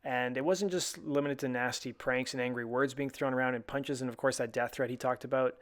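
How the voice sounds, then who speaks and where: A man's voice: mid-range voice, steady tone, brisk, a bit bright. A man hosting a rock news channel, reading articles and quotes aloud in a conversational way with the odd "uh".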